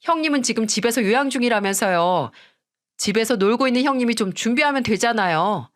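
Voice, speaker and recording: Brief: woman doing a snippy, high-pitched sister-in-law in a radio story, lazy and dismissive. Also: animated, fairly quick, lightly acted. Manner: dismissive, whiny.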